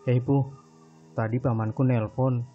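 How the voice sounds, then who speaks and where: A man voicing a blunt, secretive young man who speaks in hushed, impatient tones. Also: mid-range voice, fairly even intonation, a little slow, phone-quality sound, soft background music, close to an everyday voice. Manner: whispering, impatient. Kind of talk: storytelling character voice.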